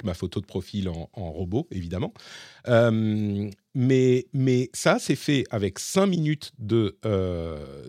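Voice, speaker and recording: A man's voice: lowish voice, darkish tone, no echo, studio quality. A man hosting a casual tech podcast, chatting as he explains and demonstrates tools live. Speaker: podcast host.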